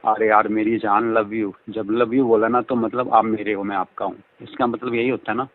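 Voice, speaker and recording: Speaking at normal speed in a lowish voice with little pitch movement, a man carries on a flirtatious phone conversation in Hindi and English. The phone audio is band-limited, and he gushes and repeats himself at length.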